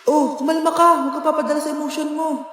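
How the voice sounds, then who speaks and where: A woman voicing a calm inner voice that coaxes someone to keep their temper, in a comedy skit. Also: high-pitched, fast, echoey room, noisy background, lightly acted. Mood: soothing. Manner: soothing, coaxing. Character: calm inner voice urging patience. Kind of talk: comedy skit role-play.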